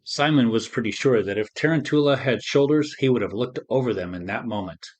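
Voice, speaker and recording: Calm male storyteller. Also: mid-range voice, a little fast. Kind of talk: children's story narration.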